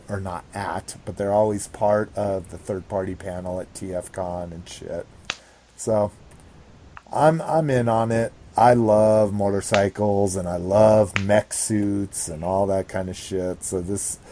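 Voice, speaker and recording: A male podcast host with a low, dark voice and an unhurried pace. He rambles casually about his hobby and swears freely. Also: slight background noise.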